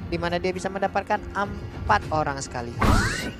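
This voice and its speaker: An esports commentator with an Indonesian accent calls live game action like a fighting game announcer, with excitable play-by-play. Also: mid-range voice, normal speed. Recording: loud game music behind the voice. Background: loud music.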